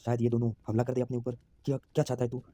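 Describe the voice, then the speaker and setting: A wary young survivor who distrusts strangers, as a male narrator puts him on, talking fast and scolding under his breath. His voice is dark and even, and the recording is dry. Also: medium pitch, no echo, close to an everyday voice. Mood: suspicious. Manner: suspicious, scolding.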